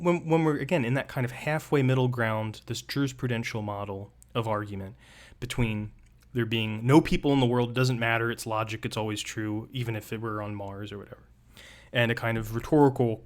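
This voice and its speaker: A man teaching rhetoric on a live stream, reading passages aloud and then explaining them in a loose, digressive, joking way. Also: mid-range voice. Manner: casual, digressive, reads passages aloud then riffs with playful asides.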